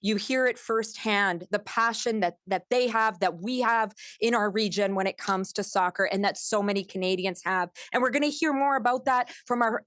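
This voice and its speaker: A woman's voice: on the high side, a bit bright, no room sound. Woman host, press conference, earnest, lots of fillers, dry close sound. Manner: earnest, many fillers between phrases. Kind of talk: introducing speakers at a press conference.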